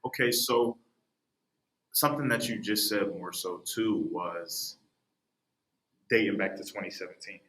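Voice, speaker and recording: A man's voice: on the low side, a little slow, long pauses, a bit bright, poor audio. A man hosting a podcast, asking questions and affirming his guest in a casual, encouraging way. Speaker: podcast host.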